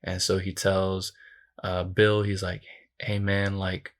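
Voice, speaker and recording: A man's voice: deep voice, takes it slowly. A man co-hosting a podcast, casually retelling a film's plot with lots of fillers. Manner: relaxed storytelling with many fillers. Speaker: podcast co-host. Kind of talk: casual movie recap chat.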